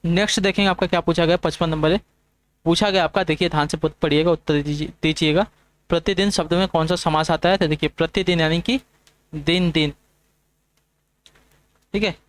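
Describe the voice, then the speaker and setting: A man's voice: a little high, fairly even intonation. A young man teaching an online exam prep class, stepping through quiz questions and checking in with students often. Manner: fast, repetitive checking-in with students.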